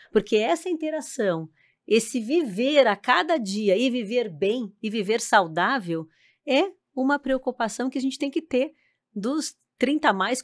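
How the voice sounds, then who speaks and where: Measured woman explaining hearing health. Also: fairly high pitch. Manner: measured, explanatory, frequent "né?" tags. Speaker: speech and hearing therapist. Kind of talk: explanatory guest chat.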